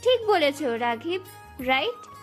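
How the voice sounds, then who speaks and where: A woman's voice: high voice, big pitch swings, slow, faint music behind, exaggerated voice. A woman voicing a cheerful, friendly foreign girl in a storybook audio drama.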